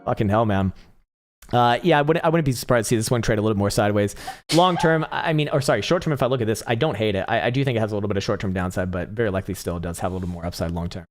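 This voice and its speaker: A young man hosts a live stream analyzing crypto charts, his voice on the low side with faint music in the background. He talks rapidly, casually and profanely, laughs a lot, restarts words, and is starting to lose his voice.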